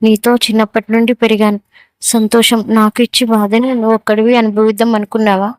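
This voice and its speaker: A woman's voice: a little high, little pitch movement, fairly quick, a little mellow, dry recording, natural voice. A woman voicing a chatty, loyal young male friend in a spoken story. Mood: earnest.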